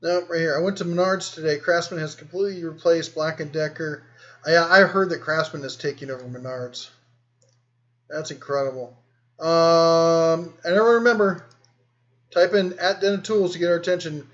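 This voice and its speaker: A man's voice: fairly high pitch, fairly even intonation, normal speed, highs cut off. A man hosting a casual live stream, reading and answering viewer comments in a rambling, easygoing way. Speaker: host.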